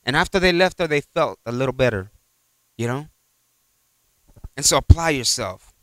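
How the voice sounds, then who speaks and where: A man's voice: medium pitch, animated, normal speed, no room sound. A man preaching a conversational sermon in a church, rambling through retold exchanges and peppering his talk with "you know.".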